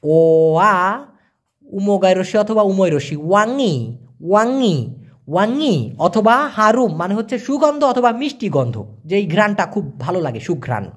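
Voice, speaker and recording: A man's voice: high voice, very animated, moderate pace, breathy edge. A man teaching a casual language lesson, repeating and spelling out words for learners.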